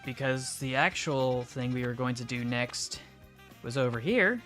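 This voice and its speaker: A woman's voice: very deep voice, measured pace, a bit bright. A woman casually chatting while she streams a video game, playful and a bit silly. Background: faint background game music.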